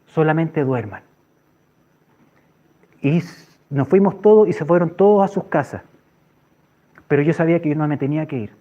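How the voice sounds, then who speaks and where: A man's voice: fairly high pitch, a little fast. A man preaching, telling his testimony as dramatic storytelling with sound effects. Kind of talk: sermon testimony. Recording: dull lo-fi sound.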